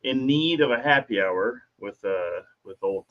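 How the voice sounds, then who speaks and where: A man's voice: lively intonation, a little slow. Man on a thin, tinny mic. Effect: thin tinny mic sound with no bass. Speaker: co-host. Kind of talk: casual chat.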